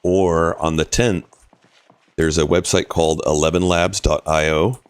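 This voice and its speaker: A man's voice: a bass voice, fairly even intonation, unhurried, clear, resonant tone, no echo. A man casually commentating his game on a live stream, explaining rules and answering chat.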